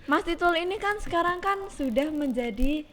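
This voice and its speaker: A woman's voice: extremely high pitch, animated, normal speed, fairly bright tone. A young woman hosting a casual podcast, chatty and teasing, turning often to the audience. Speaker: podcast host.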